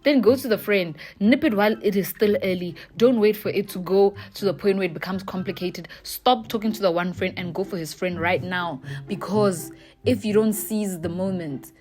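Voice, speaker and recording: A woman's voice: mid-range voice, moderate pace, a little mellow, soft background music. Frank South African woman giving advice. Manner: frank, playful, mixes local slang. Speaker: YouTuber reading viewer confessions. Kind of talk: casual advice chat.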